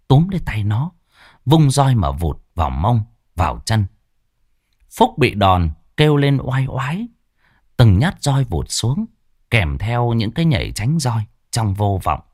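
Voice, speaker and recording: A man narrating a ghost story in an animated storytelling manner. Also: medium pitch, measured pace, husky, no room sound, studio quality.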